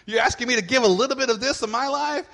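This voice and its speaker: Big-room acoustics frame a middle-aged pastor whose very high, fast voice carries vocal fry. He preaches through animated stories, impersonating his kids along the way.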